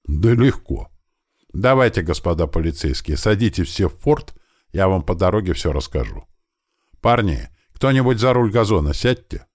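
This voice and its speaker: A man voicing a brisk male fighter giving loud orders in an audiobook, his voice raised a little above his own. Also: deep voice, sing-song, no room sound, clean studio sound, pitched above the performer's own voice. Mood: brisk, easygoing.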